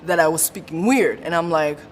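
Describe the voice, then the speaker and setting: Sharing her own experience of stuttering as personal testimony, a woman from a support group speaks with blocks, pauses and repeated sounds. Long room reverb and a faint low rumble color the audio.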